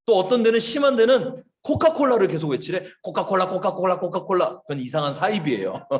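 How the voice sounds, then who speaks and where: A man, a missionary, giving a lively children's sermon, telling stories and asking the kids questions. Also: high voice, brisk. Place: church service, online.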